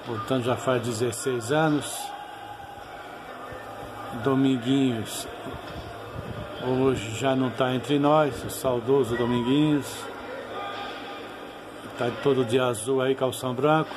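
Brazilian male boxing commentator for a home channel: unhurried, informal and nostalgic, frequent tag questions, over clear background noise. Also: medium pitch, fairly even intonation. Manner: repeatedly ends phrases with tag questions.

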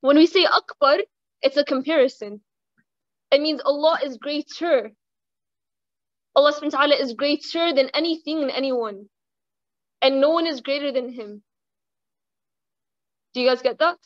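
A young woman giving a casual religious reminder, chatting with the audience, asking them questions and reciting Arabic quickly. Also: sits high, no room sound. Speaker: Islamic reminder speaker. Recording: dull lo-fi dry sound.

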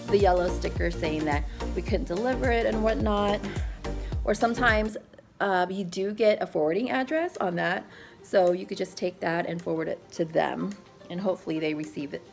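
A woman's voice: on the low side, moderate pace. A woman vlogger in casual chat, talking in a chatty, rambling way with many fillers. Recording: background music clearly heard.

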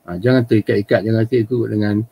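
A man's voice: on the low side, fairly even intonation, gravelly, warm tone, slightly rough, dry recording. Malaysian man coaching exam recitation. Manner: corrective, models pronunciation slowly then explains briskly. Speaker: religious studies teacher. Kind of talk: live exam workshop, reciting and correcting Arabic. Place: online live session.

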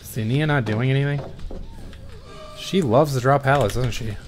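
A man's voice: mid-range voice, moderate pace, music in the background. A young man streaming a game, rambling and swearing as he talks to his chat in casual commentary.

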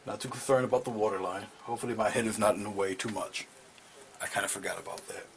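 A fast-talking middle-aged man leads a painting class from his small home studio. He speaks casually while painting and often drops to low murmurs as he handles the brush. A slight hiss or hum is audible.

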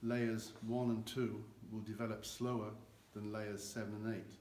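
Speaking in a lowish, darkish voice with little pitch movement, an older guide explains cognac aging at a normal speed, both hands gesturing as he talks. He stands in a dim barrel warehouse with an earthen floor. The recording comes from a camera a few meters off and carries echo and faint background noise.

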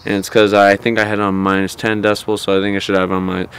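A man's voice: on the low side, level tone, fast, clean tone, rough recording. A man talking casually to camera for his car vlog, rambling and correcting himself as he goes, recorded on a camera-mounted shotgun mic. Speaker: car vlogger.

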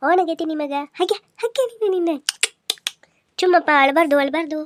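A woman's voice: sits high, quick pace, darkish tone, slight background noise, close to an everyday voice. A woman voicing a fussing elderly village grandmother with a North Karnataka accent, cooing in singsong baby talk. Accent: North Karnataka Kannada. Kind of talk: cartoon voice acting.

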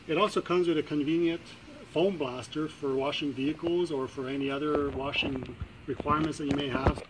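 A man's voice: on the high side, heavy background noise. A middle-aged man casually demonstrating a product outdoors in a driveway, talking plainly with many fillers and restarts, picked up by a camera mic at a distance. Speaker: product reviewer.

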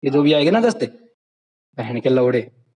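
A man's voice: mid-range voice, very animated, normal speed, mellow, slightly rough, rough recording. A man on a voice call, delivering a heated, aggressive rant full of taunts and insults. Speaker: caller in a group voice call. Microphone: phone on a voice call, screen-recorded.

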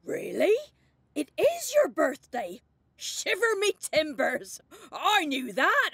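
A woman's voice: high voice, huge pitch swings, takes it slowly, vocal fry, fairly bright tone, no room sound, exaggerated voice. A woman voicing a blustering, bumbling cartoon pirate who stammers. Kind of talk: animated children's cartoon.

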